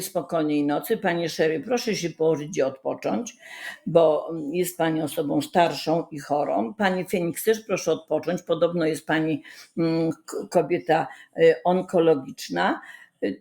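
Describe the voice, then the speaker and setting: A woman's voice: lowish voice, gravelly, darkish tone. A woman ranting indignantly on her livestream from bed at home, scolding someone with emphatic repetition. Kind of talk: casual livestream rant.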